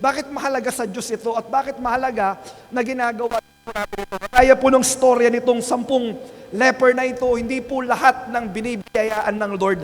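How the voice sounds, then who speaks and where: A man's voice: very high voice, steady tone, a little fast. A man with a Filipino accent preaching a sermon as pastor, switching between languages and often calling on the congregation for an amen. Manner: call-and-response preaching, repeatedly asking for an amen. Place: church. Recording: echoey church with long reverb.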